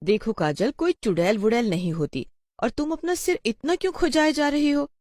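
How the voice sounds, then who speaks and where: A woman's voice: a little high, moderate pace, a little mellow, no echo, clean studio sound, voice pushed up, close to an everyday voice. A woman voicing a middle-aged female schoolteacher in a storybook tale, scolding and questioning her pupils. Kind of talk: storybook voice acting.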